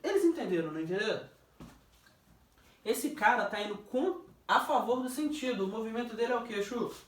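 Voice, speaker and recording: A male teacher leads an informal physics review, jokingly firing questions at a student and drawing out stressed key words. His voice is extremely high, expressive and fairly bright, captured by a distant mic in a roomy, echoing space.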